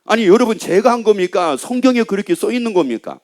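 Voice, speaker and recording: A man, a pastor, preaching a sermon in a church, animated and acting out the voices of the people in his stories. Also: sits high, fast. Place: church sanctuary.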